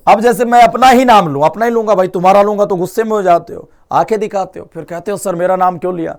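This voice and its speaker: A young man with a notably high voice teaches grammar in a live online class. He talks energetically, mixing in English words and repeating each key point as a question for his students to answer. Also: quick pace. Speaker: Hindi teacher.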